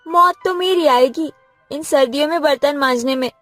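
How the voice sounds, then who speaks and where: A woman's voice: sits high, moderate pace, pushed and bright, faint music behind. A woman voicing a scheming, lazy young wife in a cartoon story who sweet-talks her way out of housework. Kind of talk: cartoon voice acting.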